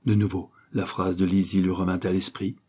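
A man narrating a classic novel as an audiobook, measured and expressive. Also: low-pitched, breathy edge. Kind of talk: scripted literary narration.

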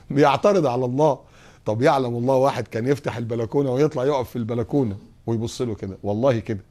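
A man with an Egyptian accent preaching a lively sermon, asking rhetorical questions and acting out little scenes. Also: mid-range voice, fast talker. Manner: animated, rhetorical, acts out scenes.

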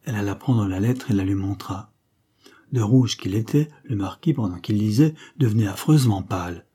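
A man narrating a classic novel as an audiobook, with a measured, literary storytelling delivery. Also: lowish voice, warm tone, breathy edge. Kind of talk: scripted narration.

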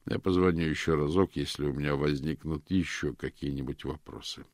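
A man voicing a calm, polite male detective questioning someone on the phone. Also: extremely low pitch, a little fast, no echo, clean studio sound.

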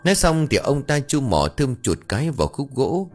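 A man narrating a scripted ghost story with steady storytelling. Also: mid-range voice, normal speed, faint music behind.

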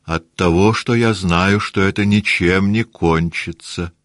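A man reading an audiobook, voicing a gentle, indulgent aging mother who speaks softly, slowly and patiently. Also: deep voice, steady tone, no room sound, studio quality. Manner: soft, slow, patient. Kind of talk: audiobook character voice.

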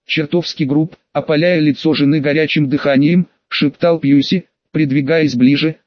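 Male audiobook narrator, slightly high voice, dull dry recording. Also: steady tone, normal speed, no echo. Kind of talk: scripted narration.

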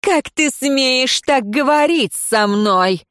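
A woman's voice: fairly high pitch, sing-song, a little slow, darkish tone, no echo, clean studio sound, voice pushed up. A woman voicing a cruel, haughty demon noblewoman in an audiobook, hissing and contemptuous. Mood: hissing, scornful. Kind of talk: audiobook narration.

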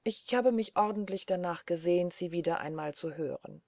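A woman's voice: fairly low pitch, normal speed, a little mellow, no room sound, studio quality, close to an everyday voice. A woman voicing a kind but fearful young woman in a storybook reading. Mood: friendly. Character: gentle anxious young woman.

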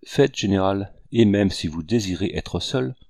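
A man's voice: low voice, measured pace, creaky, a little mellow, husky, no echo, studio quality, exaggerated voice. A man voicing an earnest, polite young nobleman speaking to a general.

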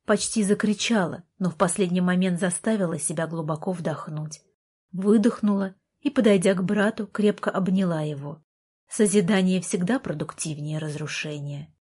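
Woman narrating an audiobook in a mellow voice. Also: on the low side, moderate pace, breathy edge.

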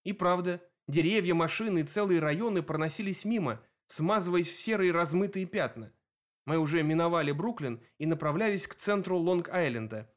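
A man reading a first-person audiobook narration in a lively, expressive way. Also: fairly high pitch, a little fast.

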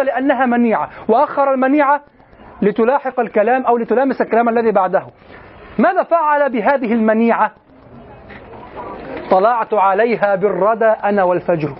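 A man's voice: extremely high pitch, phone-quality sound. A male teacher giving a classroom lecture on classical poetry, explaining step by step and often checking that students follow. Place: lecture room at an institute.

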